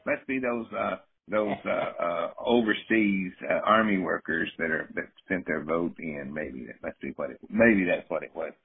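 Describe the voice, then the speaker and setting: A man in casual interpretive political chat, opinionated and somewhat halting as he explains. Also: low voice, vocal fry, husky. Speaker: commentator in a book discussion. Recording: thin, narrow-band call-like audio.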